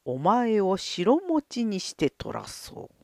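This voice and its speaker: Woman doing a gruff old feudal lord. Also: huge pitch swings, takes it slowly, warm tone, no echo, clean studio sound, exaggerated voice. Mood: stern. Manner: low, gruff, commanding. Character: stern, haughty older male feudal lord.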